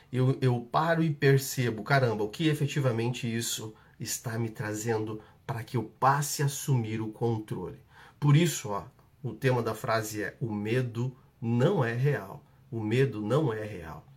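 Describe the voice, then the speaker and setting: A man with a Brazilian Portuguese accent who coaches a live audience through an exercise. He repeats his instructions and checks in with short tags. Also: medium pitch. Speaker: coach hosting a live session.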